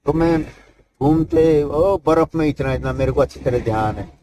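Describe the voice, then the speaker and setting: A man's voice: a little high, normal speed, mellow. Older man, folksy rambling yogi storyteller. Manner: rambling, folksy, tag questions like "isn't it". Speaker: Himalayan yogi. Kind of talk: conversational life-story telling. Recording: noisy ambient background.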